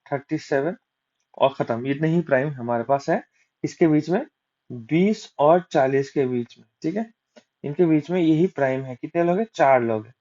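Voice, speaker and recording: A man's voice: fairly high pitch, dark tone. Man talking through sums step by step. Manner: works sums aloud step by step, asks and answers himself; mixes English maths terms into Hindi. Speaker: maths tutor. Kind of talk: exam-prep maths lesson. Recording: dull lo-fi recording.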